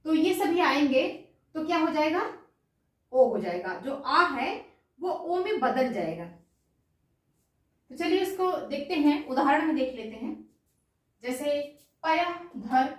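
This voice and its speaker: Heard from far off in a very echoey room, a high-voiced woman teaches an exam-prep grammar lesson. She asks a question, supplies the answer herself, and says it again.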